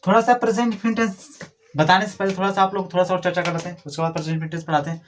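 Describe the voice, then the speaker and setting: A man's voice: high voice, level tone, rapid-fire, slight background noise. A man teaching a grammar lesson to a class, drilling and correcting pupils in a scolding, repetitive way.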